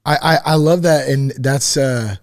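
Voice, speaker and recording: A male podcast host with a mid-range voice, steady tone and measured pace chats casually in a casual interview. He talks in an informal, slangy way and responds with enthusiastic affirmations.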